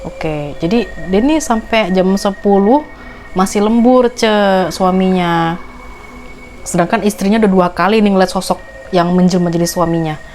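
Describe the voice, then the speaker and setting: A woman's voice: mid-range voice, moderate pace, darkish tone, a little hiss or hum. A woman narrating a chat-log horror story casually, with chatty, teasing asides to her viewers. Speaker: storytelling YouTuber.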